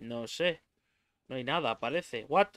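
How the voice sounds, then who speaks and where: A man's voice: mid-range voice, measured pace, fairly bright tone, dry recording. A young man with a Spain Spanish accent doing let's play commentary on a horror game, swearing freely and yelping in fright. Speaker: gaming YouTuber.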